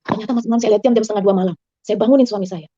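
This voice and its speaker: A woman tells her personal testimony in a rush of earnest words, her voice mellow and warm. Her pitch climbs high and excited at times. The recording is dry and a little dull. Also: slightly rough, no room sound. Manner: fast, earnest storytelling that rises high and excited. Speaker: guest giving a personal testimony. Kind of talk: emotional spoken testimony.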